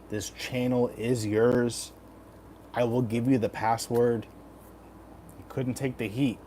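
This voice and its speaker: A man's voice: lowish voice, a little mellow, slight background noise. A man hosting a casual livestream, talking in crude, profane frat-bro slang as he banters with chat. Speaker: livestream host giving fight predictions.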